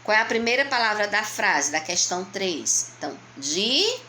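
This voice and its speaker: A woman with a Brazilian Portuguese accent, a primary school teacher going slowly and patiently through a workbook for young children, asking and answering her own questions. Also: medium pitch, very animated, bright, forceful tone, slight background noise. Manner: patient, slow, explaining step by step to young children. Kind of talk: remote lesson walking through a workbook.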